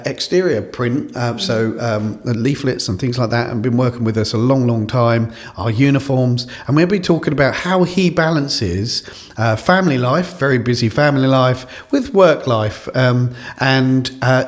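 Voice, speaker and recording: A man hosting a casual podcast, chatty and rambling, with lots of fillers and restarts. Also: mid-range voice. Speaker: podcast host and company CEO. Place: office studio with a coffee table.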